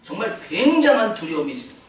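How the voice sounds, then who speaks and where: A male pastor preaching a sermon in a prayer retreat hall, animated and questioning his congregation, heard from a distance. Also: high voice, fast talker, a little hiss or hum.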